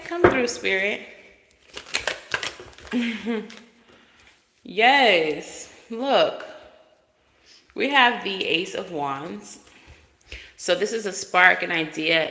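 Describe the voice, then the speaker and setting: A woman giving a relaxed, chatty tarot reading to viewers, her voice run through a digital echo effect on her microphone. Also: sits low, creaky, slight background noise. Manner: relaxed, chatty, with frequent fillers. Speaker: tarot card reader. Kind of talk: casual spoken reading to viewers. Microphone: microphone with added echo effect. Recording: echo-effect mic with long reverb.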